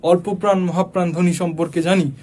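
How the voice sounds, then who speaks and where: A man's voice: high voice, little pitch movement, quick pace, a little mellow. A male teacher giving an exam-prep lesson, explaining step by step and often asking the class questions.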